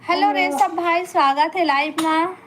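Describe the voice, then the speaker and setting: A woman with a Chhattisgarhi accent hosts a casual live stream in a high voice. She talks slowly and chattily, greeting each viewer by name and begging them not to leave. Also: steady tone, a bit bright, a little hiss or hum. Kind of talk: casual live-stream chat reading comments.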